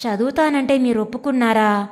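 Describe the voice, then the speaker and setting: A woman's voice: on the high side, brisk, in a large hall, lightly acted. A woman reading the part of a timid young housewife who speaks hesitantly and pleads. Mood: hurt pleading.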